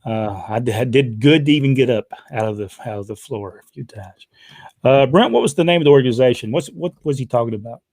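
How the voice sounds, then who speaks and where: A man's voice: mid-range voice, expressive, fast talker, a little mellow. An older man with a drawl spins rambling, folksy stories, leaning on plenty of "uh"s as he goes. His voice is captured up close and dry, with no room echo at all. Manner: folksy storytelling with frequent uh fillers. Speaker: podcast host reading viewer questions. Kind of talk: casual chat.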